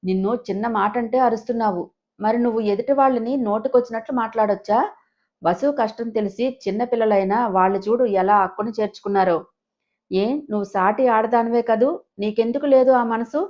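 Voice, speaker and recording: A woman's voice: fairly high pitch, brisk, a little mellow, muffled recording, voice pushed up, close to an everyday voice. A woman voicing a stern older husband rebuking his wife. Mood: reproachful. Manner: sternly reproachful.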